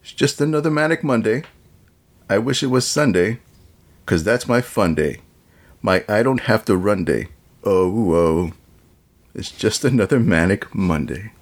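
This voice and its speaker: A man voicing a jolly male boombox robot in a comic script table read, breaking into pop songs with a raspy voice. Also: wildly swooping pitch, normal speed, few pauses, fairly bright tone, full character voice. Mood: singing.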